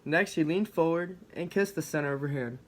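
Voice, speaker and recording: A man's voice: fairly high pitch, fairly quick, a little hiss or hum. A man reading a children's picture book aloud as a storybook co-reader.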